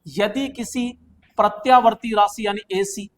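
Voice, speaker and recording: Man with a high voice as a coaching teacher. Exam-prep lecture, chatty, repeats himself. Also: fairly even intonation, a little slow. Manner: chatty, asks students questions and answers them himself; repeats phrases for emphasis.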